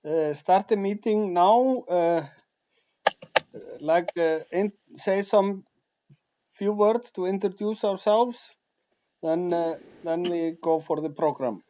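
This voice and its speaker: A high-pitched man hosts an online meeting. His tone is dark and mellow, and he searches haltingly for his words. His call audio comes through dull and muffled. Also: slight background noise. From Iceland. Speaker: meeting host. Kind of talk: casual online meeting talk. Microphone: video call.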